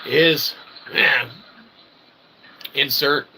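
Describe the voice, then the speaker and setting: This livestream host, a man of medium pitch, speaks extremely slowly. He rambles through a philosophical monologue in wordy, tangled phrasing, often tacking on tag questions, and clear background noise runs through the recording.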